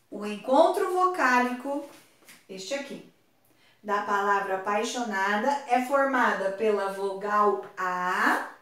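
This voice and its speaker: A woman from Brazil teaching an online class, speaking slowly and patiently and drawing words out for her pupils. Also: a little high, a bit bright. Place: home room on a video call. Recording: very echoey room, far from mic.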